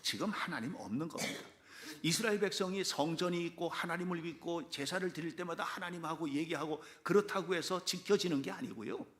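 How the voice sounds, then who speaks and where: A man's voice: fairly high pitch, fairly quick, a bit bright. A male pastor preaching a sermon in a church sanctuary, emphatic, acting out quoted prayers in a dramatic voice.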